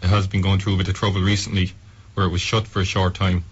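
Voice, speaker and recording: A man's voice: deep voice, monotone, quick pace, husky. A man with a west of Ireland accent, a club diver answering informally and matter-of-factly in a radio interview. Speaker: sub aqua club diver being interviewed. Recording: dull-sounding radio interview recording.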